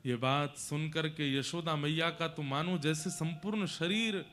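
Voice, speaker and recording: A man's voice: fairly high pitch, a little slow, fairly bright tone. Emotive man telling devotional stories. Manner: emotive, dramatic storytelling. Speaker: religious storyteller. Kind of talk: devotional scripture narration.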